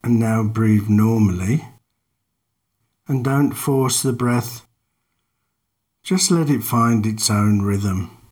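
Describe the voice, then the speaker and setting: A man guides a meditation in a low-leaning voice, speaking calmly and without hurry. He measures each instruction carefully and lets long silences fall between them.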